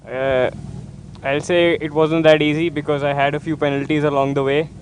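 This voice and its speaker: A man's voice: a little high, flat delivery, normal speed. Distant male driver over faint car noise. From India. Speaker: racing driver being interviewed. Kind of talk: brief casual interview answers.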